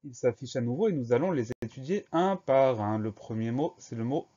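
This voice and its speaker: A man teaching a spelling lesson, slowly and carefully spelling words out letter by letter. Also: mid-range voice, expressive, warm tone, dull audio.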